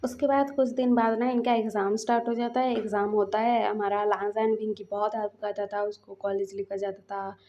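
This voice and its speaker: A woman's voice: level tone, fairly quick, hardly any pauses, mellow. A woman casually retelling a fan fiction story in a chatty way, acting out the quoted lines. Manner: chatty, acts out quoted lines with rising pitch. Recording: muffled lo-fi audio.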